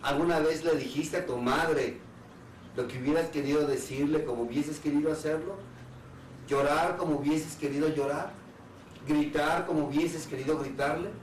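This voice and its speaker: A man, a therapist, giving an earnest public talk on anxiety and asking the audience one rhetorical question after another, with pauses between phrases. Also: a little high, steady tone, a little hiss or hum. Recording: roomy hall sound from a distant mic.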